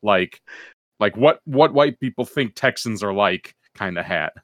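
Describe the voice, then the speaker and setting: A man co-hosting a casual chat, joking around and telling animated stories. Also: lowish voice, a little slow, no echo. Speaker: podcast co-host.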